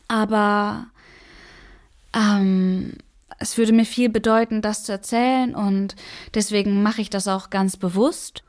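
An actress playing a twenty-year-old woman activist in a verbatim radio play, talking haltingly with many fillers and searching for words. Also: medium pitch, a little mellow, lightly acted. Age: 20s. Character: young woman activist of twenty, hesitant and moved.

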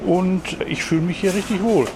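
A man's voice: high-pitched, steady tone, a little fast, background noise. A man in his sixties from Dortmund, answering interview questions thoughtfully with some hesitant fillers. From Germany, Dortmund. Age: 60s. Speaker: interviewee, meat counter worker.

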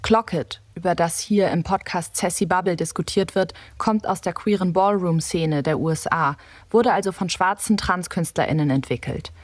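A woman reporter reading a scripted radio feature in a measured, explanatory way. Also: lowish voice, no echo.

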